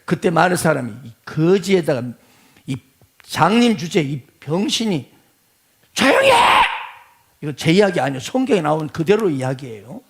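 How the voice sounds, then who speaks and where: A male pastor preaching a sermon, swinging between quiet asides and shouted pleading. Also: fairly high pitch, lively intonation, normal speed, creaky, husky.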